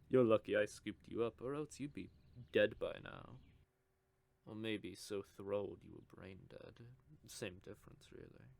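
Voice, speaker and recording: A voice actor with a low, gravelly, slightly mellow voice plays a teasing, possessive male vampire in an audio roleplay. He speaks at a measured pace with a smug drawl.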